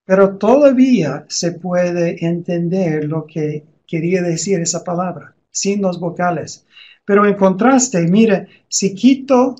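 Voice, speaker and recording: Guy w a high voice teaching slowly, lots of pauses. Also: darkish tone. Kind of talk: explanatory lesson on teaching reading.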